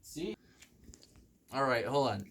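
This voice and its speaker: A young man doing rambling stand-up comedy, halting with ums and likes and acting out the voices of people in his stories. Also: medium pitch, sing-song, fairly bright tone, a little hiss or hum. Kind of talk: rambling comic storytelling.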